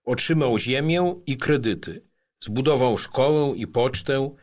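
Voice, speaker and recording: A man narrating a family memoir in a measured, even storytelling voice. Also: mid-range voice. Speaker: audiobook narrator.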